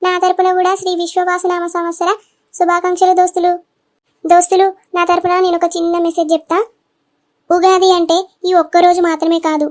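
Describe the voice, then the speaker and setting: A woman's voice: very high-pitched, a little mellow. A woman hosting a channel, introducing the video casually with friendly greetings in a Telangana accent. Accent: Telangana Telugu. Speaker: channel host.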